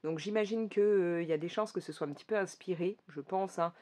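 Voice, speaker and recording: A woman's voice: on the low side, fairly quick, darkish tone. A woman chatting casually to her viewers about upcoming coloring books, talking loosely with lots of hesitations and self-corrections. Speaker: coloring vlogger.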